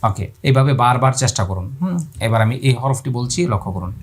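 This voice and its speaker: A man's voice: medium pitch, a little fast, breathy edge. A man teaching Quran pronunciation, repeating letter sounds aloud and asking viewers to watch his mouth. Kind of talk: spoken lesson on letter pronunciation.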